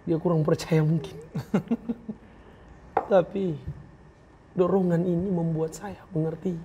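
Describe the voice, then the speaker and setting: A man's voice: on the high side, fairly even intonation, takes it slowly, dark tone, a little hiss or hum. A man giving an earnest, emotional personal testimony as an interview guest, acting out the words of others as he tells it. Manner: earnest, emotional, acts out quoted speech.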